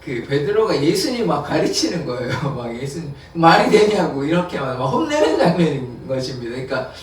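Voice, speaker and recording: A man's voice: fairly high pitch, sing-song, a little fast, a little hiss or hum. A man pastor giving an early-morning sermon, explaining scripture in plain words and acting out the quotes with a laugh. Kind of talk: dawn prayer sermon. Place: church sanctuary. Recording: echoey, distant church recording.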